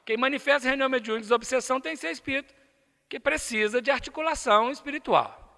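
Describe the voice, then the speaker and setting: A man's voice: very high voice, fast talker, creaky, pushed and bright. A man with a Brazilian accent giving a spiritist lecture, emphatic and asking the audience rhetorical questions. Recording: echoey lecture hall.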